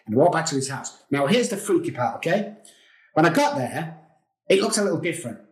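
A middle-aged man, a podcast guest, telling a story in an excitable way, swearing casually. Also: on the high side, fairly quick. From England. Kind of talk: animated storytelling. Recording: roomy echo.

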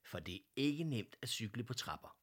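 A man narrating a children's story in a gentle, soft way. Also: mid-range voice, sing-song.

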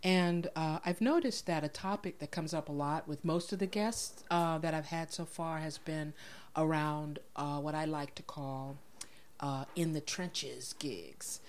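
A low-pitched woman hosting a relaxed interview. She talks in a chatty way, with frequent laughs and "um"s. Her tone is informal and conversational. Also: a little slow. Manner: chatty, laughs often, many fillers. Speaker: podcast host. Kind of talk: casual interview.

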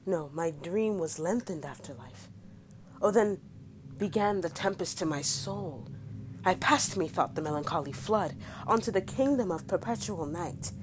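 A woman's voice: fairly low pitch, lively intonation, measured pace, noisy background. A woman playing a frightened, guilt-ridden male duke in prison, speaking in classical stage verse. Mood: haunted. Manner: fearful, pleading classical verse.

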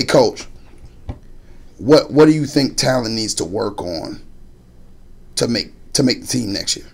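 A man's voice: mid-range voice, vocal fry. Man coach telling stories casually. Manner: storytelling, acts out parents' voices. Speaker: basketball coach, co-host. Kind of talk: casual podcast chat.

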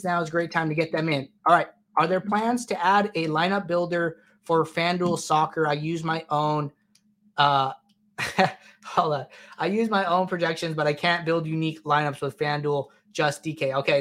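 A man's voice: fairly high pitch, a bit bright. A man hosting a live-stream Q&A, answering viewer questions in a loose, chatty way with plenty of fillers and restarts. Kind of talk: casual live-stream Q&A explanation.

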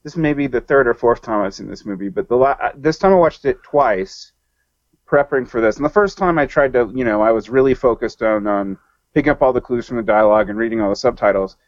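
A man's voice: medium pitch, fairly quick, no echo. Rambling man on a dull, dry line. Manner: rambling, with many restarts and self-corrections. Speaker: podcast guest. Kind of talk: casual film discussion.

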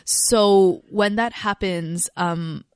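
A woman's voice: mid-range voice, very slow, smooth, dry recording, clean studio sound. A woman co-hosting a yoga podcast, explaining postures in a casual chat and thinking aloud with restarts.

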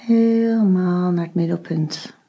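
A woman guiding a meditation, giving slow, soft instructions with long pauses. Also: lowish voice, slightly rough, lo-fi sound. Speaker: meditation guide. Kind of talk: guided meditation.

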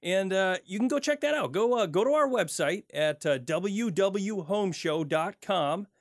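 A man's voice: sits high, measured pace, dry recording. A man co-hosting a home improvement radio show from a studio, talking casually with lots of fillers. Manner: relaxed, filler-heavy.

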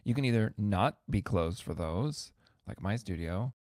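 A man's voice: lowish voice, animated, a little slow, darkish tone, no room sound, clean studio sound. A man who teaches piano, hosting an instructional podcast in a conversational, emphatic way that repeats words for stress.

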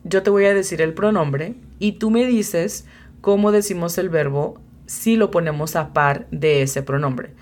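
Slow, low-voiced patient woman teacher. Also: darkish tone. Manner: patient, encouraging, spells words out slowly. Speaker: language teacher and host. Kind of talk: bilingual English lesson podcast.

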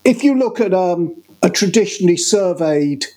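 A man speaking as a podcast guest, laying out his ideas in a measured, explanatory manner. His voice is mellow and a little raised in pitch. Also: animated. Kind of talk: casual podcast conversation.

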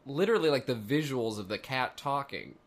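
Lively, playful young man on a podcast. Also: mid-range voice. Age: 20s. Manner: playful, jokey, quick to laugh. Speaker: podcast co-host. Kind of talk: casual chat.

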